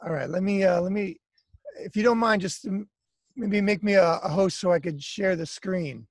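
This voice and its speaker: A man's voice: high-pitched, normal speed, no room sound. A man in his thirties from the United States, a musician talking casually and apologetically on a video call, with lots of fillers. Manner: relaxed, chatty, apologetic, many fillers. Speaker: guest speaker, musician. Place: outdoors by trees, garden. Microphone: laptop webcam on video call.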